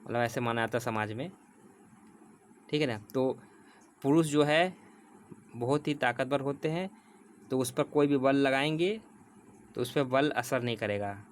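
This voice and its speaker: Man teaching, slow and repetitive. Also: mid-range voice, a little hiss or hum. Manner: explains slowly with repetition, reads English definitions word by word. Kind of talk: exam prep vocabulary lesson.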